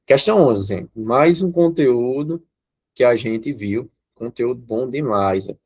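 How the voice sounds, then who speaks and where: A Brazilian man teaching a grammar class, explaining patiently at an ordinary pitch. He keeps asking his students if they follow, calling on them by name. He sounds relaxed and easygoing. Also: slow pace, breathy edge. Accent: Brazilian Portuguese. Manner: explanatory, checks in with students often.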